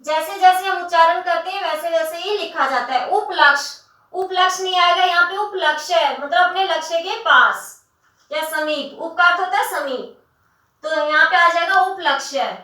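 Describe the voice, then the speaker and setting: A woman teacher with a very high, bright voice walks students through a spelling lesson, patiently breaking each word into its syllables. The sound bounces around a bare, echoey room, and she is heard from a distance. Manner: patient, addresses students as "beta"; spells words out slowly, syllable by syllable.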